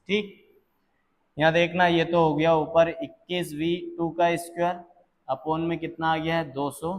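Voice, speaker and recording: A man tutoring physics, slowly working through exam problems and checking that students follow. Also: fairly high pitch. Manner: calls students "beta", checks understanding; slow, deliberate explaining.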